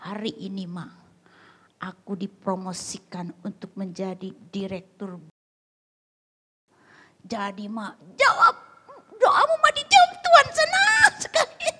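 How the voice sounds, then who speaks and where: A woman voicing an excited middle-aged husband with a lilt, loud and jubilant. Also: medium pitch, slow, pauses often, breathy edge.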